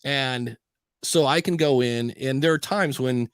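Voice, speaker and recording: Unhurried and clear, a podcast host with a resonant mid-range voice chats casually about audio gear. He rambles, restarting sentences and quoting himself. The studio dynamic mic captures dry, clean studio sound.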